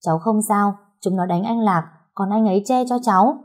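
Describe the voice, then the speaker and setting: A woman voicing a feisty young girl who is tearful and defiant, with shrill pleading cries. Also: normal speed, a little mellow, natural voice.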